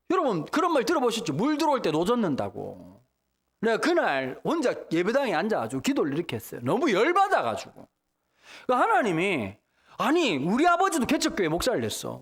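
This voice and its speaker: A man from Busan delivers a revival sermon as guest pastor, his pitch leaping from low murmurs to high cries. He is emphatic and humorous, and bursts into sudden shouts when he acts out prayers. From Busan, South Korea.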